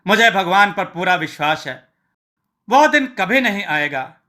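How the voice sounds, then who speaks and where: A meek, downtrodden street vendor pleads in a high, bright voice, as a man voices him. He speaks humbly. This is a storybook tale voice. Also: animated, unhurried, heavily acted. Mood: downcast. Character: meek, poor male street-food vendor, trusting in God.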